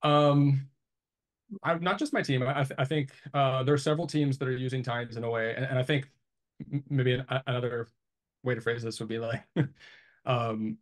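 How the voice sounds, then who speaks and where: A man in his thirties, an IT engineer, is interviewed over a video call from a small indoor home office. He explains things casually and thinks aloud in a conversational way. His voice is mid-range, with fairly even intonation and a normal speed.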